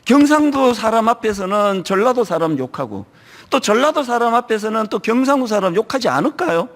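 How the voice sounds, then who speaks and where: A middle-aged man from the region preaching a sermon, lively and acting out church members in quoted asides. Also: high voice, brisk. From Gyeongsang region, Korea. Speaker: pastor. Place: large church sanctuary. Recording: long hall reverb.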